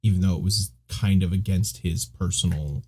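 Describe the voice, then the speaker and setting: A man's voice: sits low, normal speed, darkish tone, slightly rough. A man co-hosting a podcast, talking casually and with animation, and mimicking characters when he quotes them. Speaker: podcast co-host.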